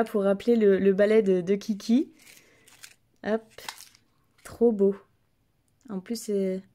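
A woman's voice: medium pitch, warm tone. A woman in her thirties chatting casually through an unboxing video, full of enthusiasm and hesitant fillers. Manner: enthusiastic, many fillers and restarts. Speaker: vlogger.

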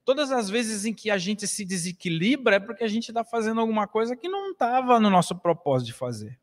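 A man's voice: sits high, big pitch swings, a little fast. A man in his forties with a Brazilian accent, giving an earnest spiritist lecture at a lectern with expansive gestures, speaking into a stand mic in a small hall. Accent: Brazilian Portuguese. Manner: earnest, preaching with wide gestures. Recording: long hall reverb.

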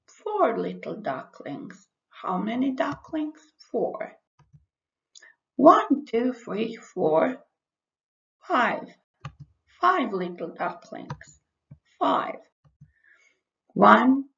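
Very slow Croatian-accented woman teaching children. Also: mid-range voice, vocal fry. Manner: simple repeated phrases with pauses, instructing young children. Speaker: primary school English teacher. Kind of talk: children's counting lesson, like a kids show host. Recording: dull lo-fi voice-over.

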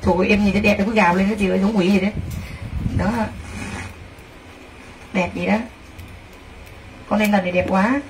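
A woman's voice: mid-range voice, fairly quick, pauses often. Lady selling clothes live, gushy and talking to viewers, kinda far from mic with faint noise behind. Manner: excitable, gushing exclamations, addresses viewers directly. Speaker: livestream clothing seller.

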